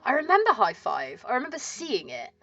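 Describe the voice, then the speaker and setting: A woman's voice: on the high side, wildly swooping pitch, a little fast, bright, forceful tone, muffled recording, faint music behind. A woman with a southern English accent chatting casually as a livestream host, chirpy and friendly in a cute streamer manner.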